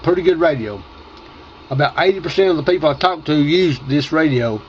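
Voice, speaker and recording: Casual, slightly high-voiced man on ham radio. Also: animated, fairly quick. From Tennessee, United States. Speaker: amateur radio operator and video host. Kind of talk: casual ham radio chat and video commentary. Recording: dull audio with faint noise.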